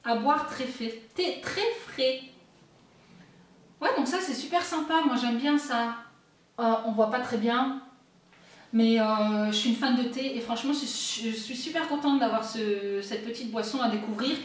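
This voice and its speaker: A cheerful woman chats through an unboxing and reads the product labels aloud. Her voice is high, and the mic sits some way off in a very echoey room. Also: measured pace, distant mic. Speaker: unboxing vlogger. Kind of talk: casual unboxing chat.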